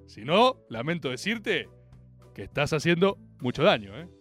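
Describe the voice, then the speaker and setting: A man with a Rioplatense Spanish accent hosting a comic monologue, animated, theatrical and full of slang. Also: fairly high pitch, normal speed, breathy edge, soft background music. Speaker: host.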